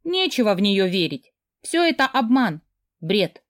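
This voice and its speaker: A woman's voice: medium pitch, big pitch swings, a little slow, no echo, studio quality. A woman putting on a drunk, giggly young woman. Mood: bitter. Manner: slurring, giggly, dismissive. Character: drunk, tearful young woman, flippant and bitter.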